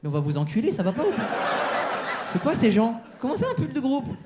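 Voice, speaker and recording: A man's voice: very high voice, wildly swooping pitch, a little fast, very noisy. A man doing stand-up crowd work on a comedy club stage, teasing the audience with mock-outraged banter. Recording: live show with crowd laughter.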